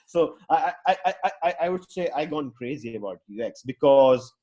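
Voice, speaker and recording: His voice is a little high and dark, with lively intonation at a normal speed. He's a Pakistani UX designer who picked up English later as his fourth language, casually rambling to an online audience in an outgoing way, full of fillers and restarts.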